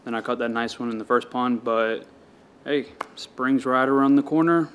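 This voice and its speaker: Talking at a normal speed in a mid-range voice, a fishing vlogger shoots his video by outdoor ponds, easygoing and full of slang. He perks up with excitement whenever he lands something, all captured on noisy camera audio.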